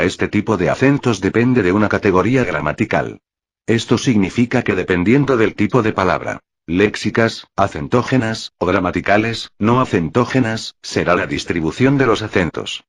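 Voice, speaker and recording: A man reading a dictionary entry aloud as scripted narration, in a steady, measured way. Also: low-pitched, breathy edge.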